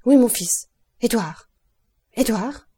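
A woman's voice: on the low side, fairly even intonation, moderate pace, warm tone, husky. A woman reading the part of an anguished middle-aged male royal prosecutor in an audiobook, with tense, urgent outbursts. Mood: frantic.

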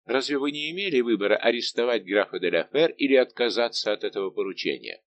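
A man's voice: mid-range voice, animated, fast talker, natural voice. A man reading an audiobook, voicing a haughty young king who questions and rebukes with indignation. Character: haughty young male king, imperious and angered.

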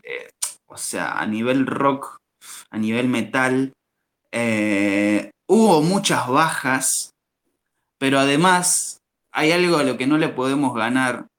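Slangy young Argentine radio co-host, man. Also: mid-range voice. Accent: Argentine Spanish. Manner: playful, slangy, animated. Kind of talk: casual radio chat.

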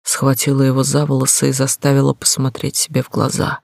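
Audiobook narrator, emotional intimate reading, gravelly tone, dry close sound. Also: medium pitch, completely flat delivery, fairly quick, darkish tone, no echo. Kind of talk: first-person romance audiobook narration.

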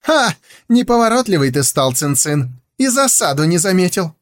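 A man's voice: on the high side, sing-song, a little slow, pitched above the performer's own voice. A man voicing Humenzy, a roaring tiger spirit. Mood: mocking. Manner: roaring, menacing. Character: volatile tiger spirit man, quick to fury.

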